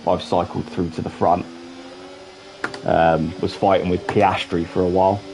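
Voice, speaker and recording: A man's voice: deep voice, level tone, unhurried, low-quality recording. A man giving casual, chatty commentary while streaming a racing game, with dry asides.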